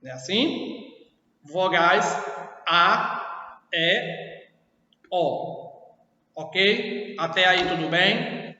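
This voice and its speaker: A Brazilian man with a high voice teaches a class, explaining step by step and pausing to check understanding. He sounds far from the microphone in a boomy, reverberant room. The recording is dull and lo-fi. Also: bright, forceful tone. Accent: Brazilian Portuguese. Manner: explanatory, asks checking questions often. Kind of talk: classroom lesson. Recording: echoey distant lo-fi room recording.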